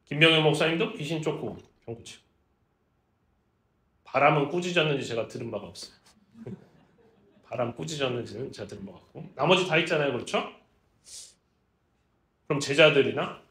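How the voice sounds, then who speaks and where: A man preaching with a fairly high voice. He keeps questioning his congregation and slips into playful acted-out dialogue. The sound rings around a reverberant church hall. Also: fairly bright tone. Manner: acts out Jesus and the disciples in casual speech. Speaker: pastor. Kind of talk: sermon.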